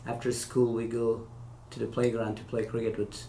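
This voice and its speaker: Recorded in an echoey space with light hiss, an interview guest from Afghanistan who used to work as an interpreter answers casually. His tone is mellow, medium in pitch, and completely flat, and his English comes out hesitant and halting, full of restarts.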